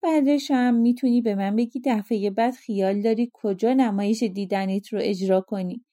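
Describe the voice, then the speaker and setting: Storybook fisherman, cunning and smooth-tongued, teasing; played by a woman reader, lifted high. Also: dark tone, no room sound, studio quality, natural voice. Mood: mocking, glib. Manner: mocking, glib, teasing. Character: sly, smooth-talking male fisherman.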